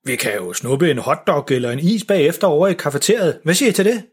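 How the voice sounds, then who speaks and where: A man voicing a cheerful, clueless middle-aged father in a storybook reading, upbeat and bumbling, with a husky voice. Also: on the high side, animated. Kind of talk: storybook narration.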